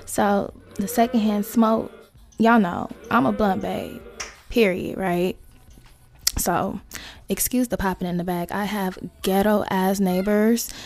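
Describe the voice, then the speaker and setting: A woman hosting a casual solo podcast, talking to listeners in slangy, sweary asides with creaky vocal fry. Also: mid-range voice, steady tone, slow pace, a little mellow, soft background music. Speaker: podcast host.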